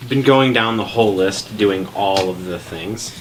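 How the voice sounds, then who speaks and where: A man's voice: fairly low pitch, unhurried. A man chatting casually as a player in a tabletop game. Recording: noisy room with table clicks.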